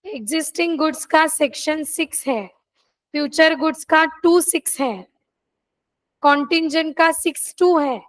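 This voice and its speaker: A woman's voice: high voice, unhurried. A woman law teacher, dictating notes in a classroom and checking that students have written them down.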